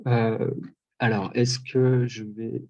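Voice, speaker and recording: A man giving an explanatory answer as a researcher in a webinar, pausing and rephrasing as he goes. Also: mid-range voice, little pitch movement, vocal fry, darkish tone, lo-fi sound.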